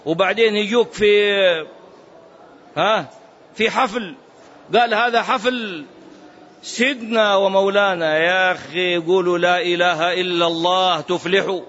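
Man, preacher, high voice, emphatic religious lesson, dull lo-fi sound, faint room ambience. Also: moderate pace, fairly bright tone. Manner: emphatic, rhetorical, sometimes chants phrases. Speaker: Islamic preacher.

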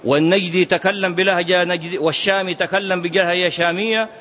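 High-pitched guy teaching a religious class, quizzing students, slightly muffled recording with faint hiss. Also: quick pace. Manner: animated, quizzes students, mocking asides. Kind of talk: classroom lesson.

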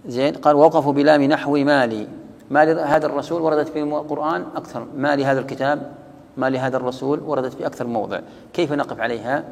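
A man with a gravelly, creaky voice teaching a religious lesson at a brisk pace. He quotes lines of a didactic poem and explains them, often repeating himself. The sound rings with a long hall reverb. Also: on the high side. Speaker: teacher of Quranic sciences.

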